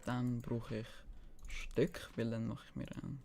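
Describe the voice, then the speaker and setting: A man's voice: mid-range voice, completely flat delivery, unhurried, creaky, warm tone. A man with a Swiss German accent chatting casually on a live game stream, half talking to himself and half answering chat. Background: keyboard typing and mouse clicks.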